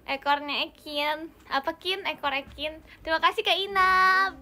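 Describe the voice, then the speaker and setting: A woman's voice: extremely high pitch, moderate pace, bright, forceful tone, a little hiss or hum. A young woman hosting a casual phone livestream, bubbly and giggly as she chats and thanks fans for their comments. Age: young adult. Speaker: idol livestreamer. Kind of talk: casual livestream chat, reading fan comments. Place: indoor room.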